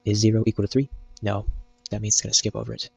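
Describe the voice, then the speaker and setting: Husky low-voiced young man teaching code. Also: monotone, fast, darkish tone, no echo, poor audio. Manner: jokey, meme-filled explaining. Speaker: programming tutor. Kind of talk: casual screen-recorded coding tutorial.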